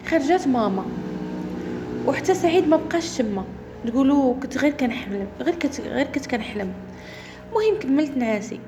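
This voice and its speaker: Quick, high-voiced Moroccan woman storyteller. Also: dark tone, a little hiss or hum. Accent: Moroccan Arabic. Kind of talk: first-person horror storytelling.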